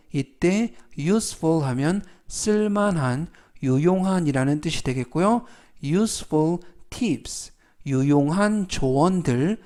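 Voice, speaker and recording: Man, vocabulary teacher, polite formal delivery, very slow pace, repeats each word. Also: on the high side, a little mellow. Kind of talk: slow, scripted vocabulary lesson.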